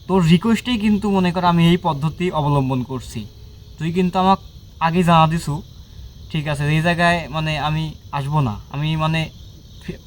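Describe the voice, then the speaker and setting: A man's voice: fairly high pitch, a little hiss or hum. A man working as a ghost hunter, confronting an unseen spirit at night with commanding, scolding talk and repeated short orders. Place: outdoors at a bamboo grove at night.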